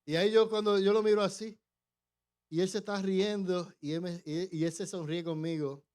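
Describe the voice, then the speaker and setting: A man preaching a testimony in church, telling the story with halting restarts and acted-out voices. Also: high-pitched, fairly even intonation, a little mellow. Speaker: pastor. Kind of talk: testimony sermon.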